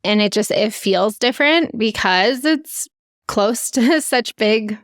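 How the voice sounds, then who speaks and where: A woman's voice: fairly high pitch, expressive, slow pace, no echo. A woman co-hosting a podcast, chatting casually in a frank, dry way with loose restarts. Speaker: podcast co-host.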